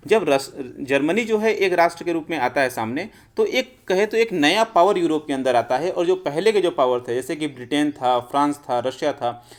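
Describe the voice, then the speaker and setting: Higher-voiced male teacher. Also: lively intonation, normal speed. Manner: explanatory, addresses students as friends, emphatic. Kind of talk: classroom lecture.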